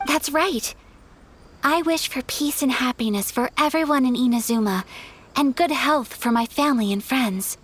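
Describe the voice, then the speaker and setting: Woman voicing a gracious young noblewoman, high. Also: normal speed, a little hiss or hum, lightly acted. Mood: earnest. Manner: soft, formal and courteous. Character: young noblewoman, gentle, polite and graceful. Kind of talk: game cutscene dialogue.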